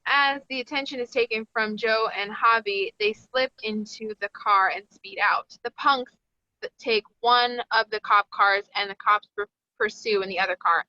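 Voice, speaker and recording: A woman with a bright, mid-range voice handles the stage directions at a script table read, keeping an even tone at a moderate pace. The recording is very dry with no room sound, and its fidelity is slightly dull.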